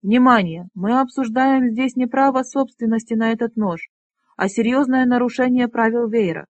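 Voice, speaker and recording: An audiobook reader voicing an elderly male dragonrider leader in a stern, deliberate manner. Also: mid-range voice, animated, no echo, lo-fi sound.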